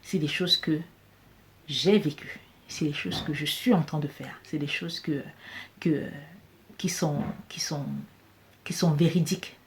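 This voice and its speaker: A woman's voice: sits low, a little hiss or hum. A woman business coach talking straight to her viewers, emphatic and repeating her points, addressing them familiarly. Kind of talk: direct-to-camera advice talk.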